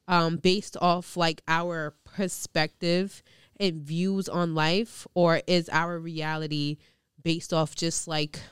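A woman's voice: deep voice, clean tone, no echo, studio quality. A young woman hosting a podcast, talking candidly in slangy casual chat with plenty of swearing, a little congested. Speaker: podcast host.

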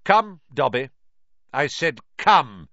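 A reader voicing a sneering, cold aristocratic man who speaks softly and menacingly. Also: mid-range voice, lively intonation, measured pace, no room sound, voice pushed down, lightly acted. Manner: soft, menacing. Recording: dry, slightly dull lo-fi.

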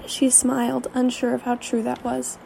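Woman reading aloud, dark mellow voice, gravelly fry, light hiss behind. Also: a little high, monotone, normal speed, rough recording. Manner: reads aloud with occasional slips and restarts. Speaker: reader. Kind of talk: storybook narration.

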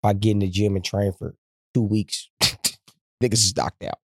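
A man's voice: fairly low pitch, steady tone, moderate pace, a little mellow. A man in casual sports banter, talking in a brash, boastful, slangy way.

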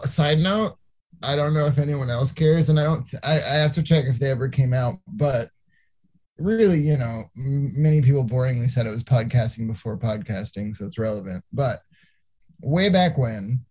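Mellow-voiced man in casual chat. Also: medium pitch, moderate pace. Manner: chatty, laughs often, quotes others in retelling.

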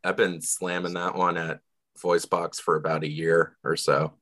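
A man's voice: low-pitched, little pitch movement, moderate pace, a bit bright. A man in his mid-thirties co-hosting a podcast, telling stories in a wordy, hesitant way full of ums. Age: 30s. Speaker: podcast co-host. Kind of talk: casual chat.

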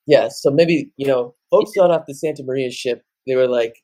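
A man in his late teens co-hosting a podcast, rambling through animated casual chat. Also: medium pitch, moderate pace, no room sound. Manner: rambling, animated, jumps into loud off-key singing. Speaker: podcast co-host.

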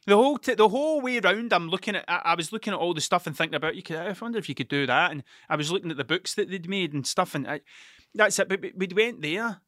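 Casual male monologue, broad Scottish accent from Ayrshire, forceful bright tone, dry close sound, sweary and blunt. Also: high voice, quick pace, dry recording. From Scotland, Ayrshire. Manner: sweary, blunt, self-questioning.

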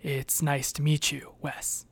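A reader voicing an anxious young woman on the run, keeping her voice calm and soft to reassure someone. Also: medium pitch, takes it slowly, breathy edge, dry recording. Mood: gently reassuring.

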